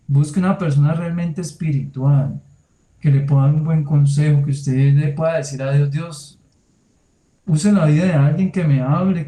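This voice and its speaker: A man preaches in a church, speaking straight to his listeners in a conversational tone. His voice sits a little high but sounds mellow and soft. The room adds clear echo around him. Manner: tells lively personal anecdotes with sound words. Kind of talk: sermon. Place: church hall. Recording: echoey room.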